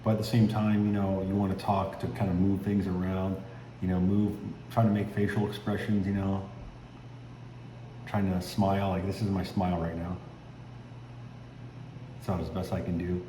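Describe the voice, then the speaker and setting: A man's voice: flat delivery, moderate pace, pauses often, dark tone. A man giving a casual, laid-back video diary to his viewers, talking stiffly with a sore jaw that restricts his mouth. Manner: laid-back, addresses viewers as guys with tags like okay and right. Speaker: vlogger. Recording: echoey, noisy self-shot recording with background rumble.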